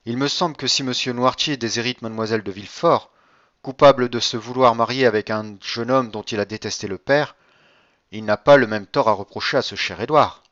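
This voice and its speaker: A man voicing a calm, cunning nobleman in an audiobook reading, measured and courteous. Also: mid-range voice, no echo, muffled recording, lightly acted. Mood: composed.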